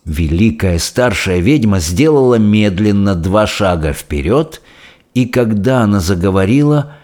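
Low-voiced man reading a storybook. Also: measured pace. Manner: expressive, dramatic storytelling. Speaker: audiobook reader. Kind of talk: scripted storybook narration.

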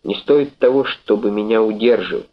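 A man reading an audiobook, voicing a resigned young man who answers slowly and quietly. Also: lowish voice, dull audio, close to an everyday voice. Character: resigned, calm young man facing his end.

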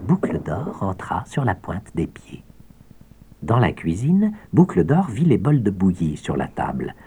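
A man narrating a children's audiobook with expressive storytelling and soft asides. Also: low-pitched, a little slow, background noise.

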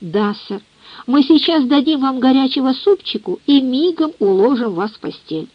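A woman's voice: high-pitched, expressive, moderate pace, breathy edge, no echo, voice pushed up. A woman voicing an anxious young son in an audiobook, who urgently pleads with and coaxes his drunken father. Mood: anxious coaxing. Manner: urgent, coaxing. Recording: muffled lo-fi dry recording.

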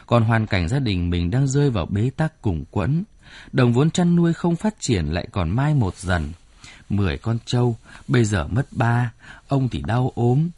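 A man's voice: mid-range voice, darkish tone, no room sound, close to an everyday voice. A man voicing a worried rural mother who pleads and laments, in a spoken storybook.

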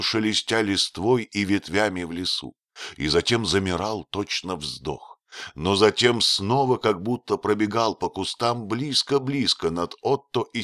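Deep-voiced male audiobook narrator. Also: a bit bright, dry recording, studio quality.

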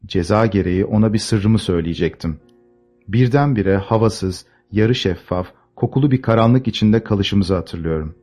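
A man with a fairly low voice reads a literary novel aloud, measured and expressive in his storytelling. A faint bed of music runs underneath the narration. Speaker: audiobook narrator.

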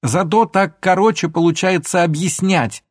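A man reading an audiobook, voicing an emotional young woman who pleads and sometimes flares up into shouting. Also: mid-range voice, expressive, normal speed, no echo, clean studio sound. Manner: pleading, then flaring into shouts.

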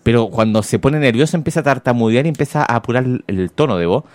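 A man's voice: mid-range voice, quick pace, a little mellow, dry recording. A man with a Chilean accent hosting morning radio, chatting wryly about politics and reading listener messages aloud. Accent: Chilean Spanish. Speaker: radio host. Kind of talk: casual morning radio commentary.

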